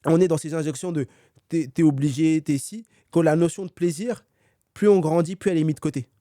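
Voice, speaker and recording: A man's voice: a little high, steady tone, fairly quick, warm tone, no echo, clean studio sound. A man being interviewed as a guest author, talking energetically with many fillers and restarts. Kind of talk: conversational podcast dialogue.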